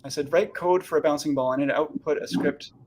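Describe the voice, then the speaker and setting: A man hosting a real estate chat show, enthusiastic and quick with praise. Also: a little high, darkish tone, a little hiss or hum. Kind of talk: casual chat.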